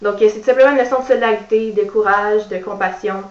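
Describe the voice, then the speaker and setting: A woman's voice: medium pitch, fairly even intonation, fast talker. A young woman from Quebec chatting casually on her vlog, with many fillers, who also reads aloud. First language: French. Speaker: book vlogger. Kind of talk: casual chat and reading aloud. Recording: roomy, distant, dull sound.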